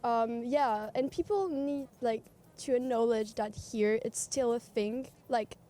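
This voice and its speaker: Sex: woman. Style: street interview. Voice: high, mellow. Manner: earnest, some "um"s. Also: a little slow.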